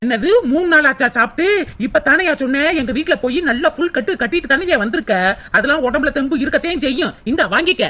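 A woman voicing an angry young village wife in a cartoon, scolding in a shrill, rapid manner. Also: pushed and bright. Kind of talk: cartoon voice acting.

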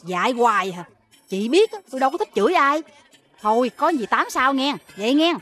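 An actress playing a sharp-tongued, middle-aged Southern Vietnamese woman who scolds her servant and dotes on her son, with a Southern Vietnamese accent. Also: sing-song, a little fast. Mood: grumbling. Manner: shrill scolding and nagging. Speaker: domineering mother and market boss.

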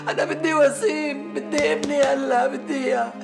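A woman's voice: high voice, steady tone, brisk, over music. An actress with a Syrian accent playing a grieving mother who is crying and pleading desperately for her son. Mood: sobbing grief. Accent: Syrian Arabic. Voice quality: sobbing, pleading, gravelly. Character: anguished mother losing her grandson, desperate.

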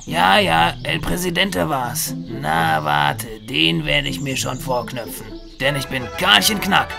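A man's voice: on the high side, creaky. A man voicing an eager, bumbling young father who plays detective in a toy figure film, musing aloud with hums. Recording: music playing underneath.

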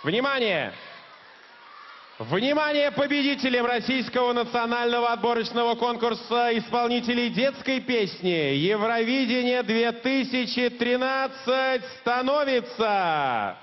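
A man hosting a contest, reading out results slowly and grandly over a PA loudspeaker in a concert venue. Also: extremely high pitch, animated, big-room sound, slight background noise. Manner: slow, drawn-out proclamations. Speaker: contest host. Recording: muffled live broadcast with music.

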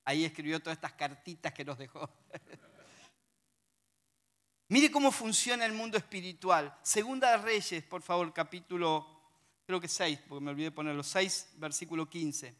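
Delivering a sermon at a normal pace, this high-voiced man speaks with a Rioplatense Spanish accent. Between passages of scripture he reads aloud, he tosses humorous, lively remarks to the congregation in a bright, forceful tone.

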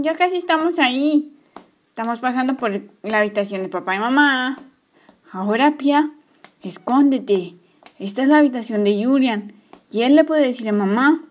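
A woman voicing Emma, a kind, secretive young girl, coaxing her pet gently in a toy story play. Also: sits high. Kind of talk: playing with toy figures.

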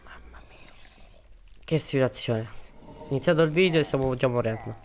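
A man's voice: medium pitch, a little fast. Young guy chatting over his game, mid voice, bit of faint noise on the mic. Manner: chatty, bursts into panicked repeated pleading. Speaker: gaming video creator. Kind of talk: casual gameplay commentary.

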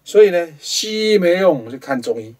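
A man with a Taiwanese Mandarin accent, hosting a studio show and telling a ghost story dramatically, jumping between loud rhetorical questions and hushed asides. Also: high voice, very animated, normal speed, far from the mic.

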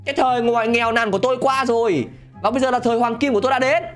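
A man giving excitable gameplay commentary, laughing often and talking straight to his viewers. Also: extremely high pitch, racing, faint music behind. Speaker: gaming channel host.

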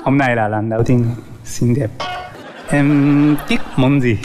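Người đàn ông giọng Nhật nói chậm rãi ngập ngừng. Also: male voice, medium pitch, fairly even intonation, long reverb tail, over music. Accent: Japanese. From Japan. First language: Japanese. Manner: slow, hesitant, searching for words. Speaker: dating show contestant. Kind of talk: halting broken Vietnamese.

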